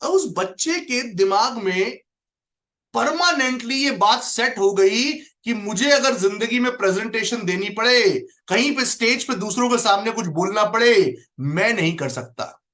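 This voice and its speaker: High-voiced emphatic male motivational trainer. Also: animated, unhurried, sharp tone. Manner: emphatic, repeats key phrases and calls out listeners by name. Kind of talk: motivational training talk to an online audience.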